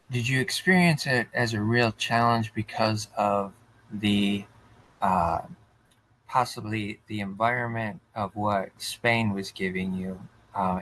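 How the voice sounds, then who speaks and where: A man hosting a podcast interview over a video call, asking long, halting questions. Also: lowish voice, a bit bright, a little hiss or hum, rough recording. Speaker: podcast host. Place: decorated home studio, indoors.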